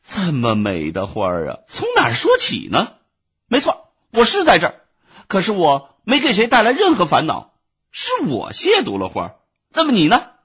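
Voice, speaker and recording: A man's voice: high voice, wildly swooping pitch, moderate pace, husky, pitched above the performer's own voice, heavily acted. Man voicing a furious little ant boy. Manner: blustering, loud and exasperated. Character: hot-tempered boy turned into a small ant.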